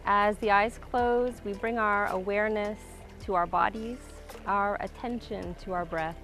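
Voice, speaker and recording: A woman yoga instructor calmly leading a slow, grounding breath and body awareness exercise in a guided class. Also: mid-range voice, faint music behind. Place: outdoor waterside wooden deck.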